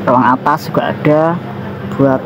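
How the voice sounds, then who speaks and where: A young adult vlogger from Indonesia chats in a slightly high, steady, creaky voice at a somewhat slow pace, wandering between topics and sprinkling in slang. Recorded close up on a handheld phone at a cafe terrace, the sound is muffled against loud street traffic.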